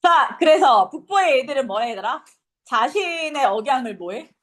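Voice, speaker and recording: A woman's voice: high voice, expressive, normal speed. A young woman teaching an English class, lecturing casually and quizzing her students.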